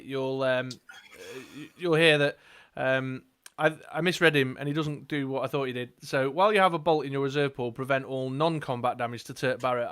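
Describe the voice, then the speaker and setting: A man's voice: medium pitch, a bit bright, smooth. Chatty man explaining a card game. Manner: chatty, many fillers, reads out card text. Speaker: co-host of a dice game stream. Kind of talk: casual chat explaining his game team. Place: indoors at a gaming table.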